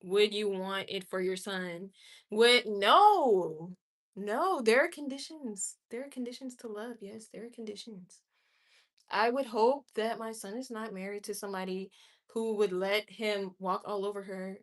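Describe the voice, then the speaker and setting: Speaking at a measured pace in a mid-range voice, a woman in her late twenties runs a livestream where she shares strong, candid opinions and addresses viewer comments directly.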